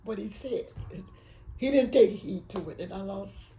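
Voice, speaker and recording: A woman in her eighties from Alabama, raised in Detroit, telling her life story in an oral history interview, rambling and halting with emotion. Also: medium pitch, dark tone, rough recording. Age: 80s.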